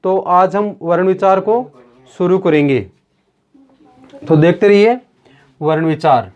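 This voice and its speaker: Male grammar teacher, high voice, lecture delivery with rhetorical questions, dull lo-fi recording. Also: takes it slowly, a little mellow. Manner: explains step by step with rhetorical questions. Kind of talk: classroom-style lecture. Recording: dull lo-fi sound.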